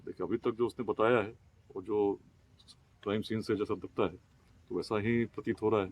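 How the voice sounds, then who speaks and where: A man in a police role giving a measured, formal press briefing outdoors at a crime scene. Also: lowish voice, fairly even intonation. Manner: measured, formal, official wording.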